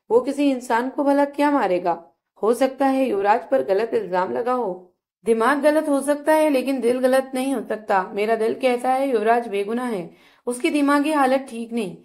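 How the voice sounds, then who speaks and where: A woman reading a story voices a sharp-tempered young wife who scolds in harsh commands. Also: a little high, lightly acted.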